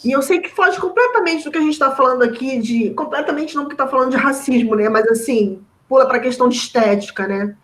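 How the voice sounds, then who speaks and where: A teacher with a Brazilian Portuguese accent recounts a painful memory from her classroom. Her voice sits a little high for a woman, and she talks in a loose conversational way full of tag questions. She is moved, at moments near tears. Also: fast talker, few pauses, a bit bright, rough recording. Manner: emotional, close to tears at times. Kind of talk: personal story in a discussion.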